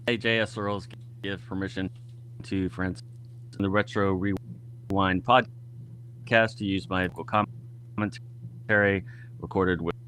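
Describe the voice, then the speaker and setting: A man on an online call reading a disclaimer in a halting, stop-start way, his audio choppy and breaking up. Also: deep voice, steady tone, a bit bright, a little hiss or hum, low-quality recording. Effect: choppy internet call audio breaking up. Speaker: podcast guest.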